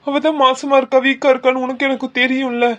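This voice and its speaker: A man's voice: very high-pitched, level tone, quick pace, a bit bright, dull audio. A man voicing an elderly father in a cartoon, speaking in a soothing, fatherly way. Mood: reproachful. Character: elderly father, gentle and reassuring. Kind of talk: cartoon dubbing.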